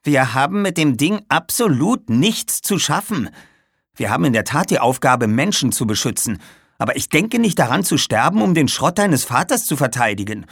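A man's voice: on the high side, lively intonation, moderate pace, fairly bright tone, no room sound, clean studio sound, voice pushed up. A man voicing a nervous, quarrelsome boy apprentice mage in a raised, urgent storybook voice. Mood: anxious urgent.

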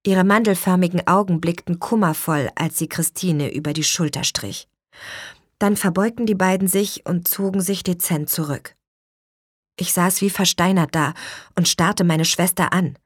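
A woman's voice: on the low side, normal speed, dry recording, studio quality. A woman narrating an audiobook in the first person, telling the story vividly and voicing the dialogue.

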